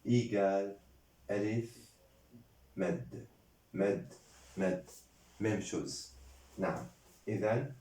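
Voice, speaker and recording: A man's voice: fairly low pitch, very slow, long pauses, dark tone, far from the mic. A man teaching a bilingual Arabic and French lesson, spelling out letters and vowel marks one by one and repeating each syllable and word. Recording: roomy echo, voice from off the mic.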